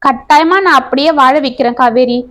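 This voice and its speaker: A woman's voice: high-pitched, brisk, fairly bright tone. A woman voicing a devoted, determined young man.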